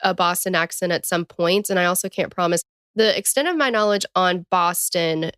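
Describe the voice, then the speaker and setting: A woman's voice: lowish voice, normal speed, fairly bright tone, clean tone, dry recording, studio quality. A woman co-hosting a casual true-crime podcast, joking and teasing between reading case background. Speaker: podcast co-host.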